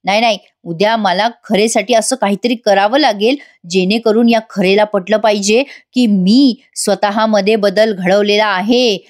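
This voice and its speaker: A woman's voice: medium pitch, fairly even intonation, normal speed, few pauses, dry recording, studio quality, close to an everyday voice. A woman voicing a young husband from a TV serial, sweet-talking and pleading with his wife. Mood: muttering. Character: young husband, coaxing then baffled.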